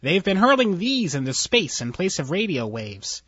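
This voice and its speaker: Guy doing nervous little alien officer, high wobbly voice, all sir yes sir, dull lo-fi sound. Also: big pitch swings, normal speed, a bit bright, husky, no room sound, full character voice. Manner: hesitant, anxious, deferential. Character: nervous alien male science officer, timid.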